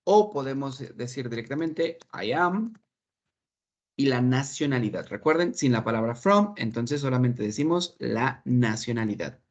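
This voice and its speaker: A man's voice: medium pitch, animated, a little slow, highs cut off. A man teaching an online English class, patiently explaining and checking that his students follow. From Mexico. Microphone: video call.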